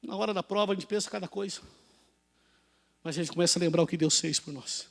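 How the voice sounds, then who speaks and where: A man with a very high-pitched voice preaches a live sermon, telling his own testimony. He moves between shouted praise and hushed, confiding stretches. The church microphone carries a long reverb through the hall. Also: fast, gravelly. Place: church sanctuary.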